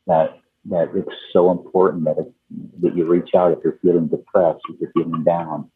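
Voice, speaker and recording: A man with a very deep, raspy voice speaks earnestly, often restarting his phrases. The sound is dry and phone-like, tinny and narrow. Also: little pitch movement, normal speed, no room sound. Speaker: contributor speaking about his children. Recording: phone-line husky dry audio.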